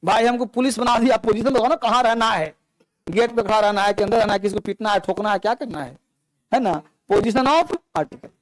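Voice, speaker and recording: Speaking briskly in a high register, a man lectures an English grammar class, repeating himself and coaxing students with questions. It's a rough, dry recording.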